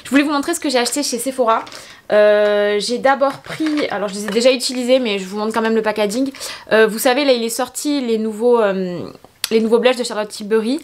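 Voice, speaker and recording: Young woman, slightly high voice, tired, rambling beauty vlog chat. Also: slight background noise. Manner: chatty, rambling with many fillers. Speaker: beauty vlogger. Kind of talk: casual get-ready-with-me vlog. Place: her bedroom.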